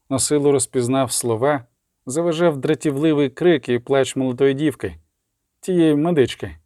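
A man's voice: mid-range voice, warm tone, dry recording, clean studio sound. A man narrating an audiobook with tense, dramatic, clipped phrasing. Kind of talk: audiobook reading.

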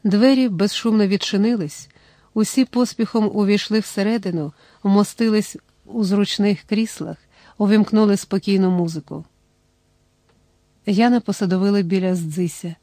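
A woman narrating a novel as an audiobook in a steady storytelling manner. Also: medium pitch, moderate pace, no room sound.

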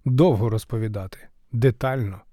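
A man narrating a novel as an audiobook reader, in an even, ironic storytelling manner. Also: medium pitch, normal speed, dry recording, studio quality.

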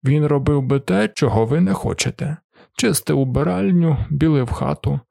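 A man's voice: on the high side, animated, moderate pace, vocal fry, dark tone, no room sound, clean studio sound, heavily acted. A man voicing a boastful, crude male drifter who orders his servant around with mocking bravado, in an audiobook. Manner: brash, mocking and commanding.

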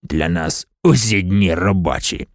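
A man reading an audiobook, voicing a menacing male robber in a low, hushed hiss. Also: measured pace, no room sound, clean studio sound. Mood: mocking. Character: menacing adult male robber, hissing threats.

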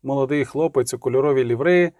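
A man's voice: medium pitch, fast, a little mellow, dry recording. Man narrating an audiobook, dry. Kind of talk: scripted narration.

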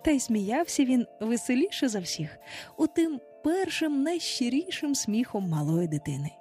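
Expressive woman narrating a storybook. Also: fairly high pitch, moderate pace, soft background music. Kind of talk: audiobook narration.

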